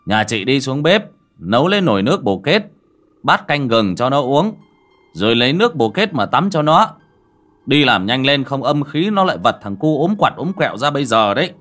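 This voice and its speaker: A man playing a gruff older village man in a horror audiobook, talking in a loud, blunt and bossy way. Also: lowish voice, sing-song, normal speed, soft background music.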